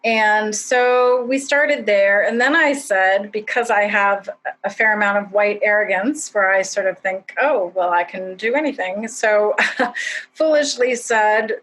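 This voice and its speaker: A woman's voice: mid-range voice, slow, fairly bright tone, rough recording. Candid, self-deprecating woman. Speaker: podcast co-founder. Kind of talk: casual explanation in a webinar.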